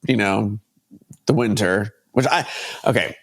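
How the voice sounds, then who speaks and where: A man's voice: lowish voice, unhurried, husky. A man in his thirties, a photographer guest on a podcast, chatting casually and rambling with many restarts, his voice stuffed up from allergies. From United States. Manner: rambling, self-correcting, laughs easily. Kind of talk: casual interview chat.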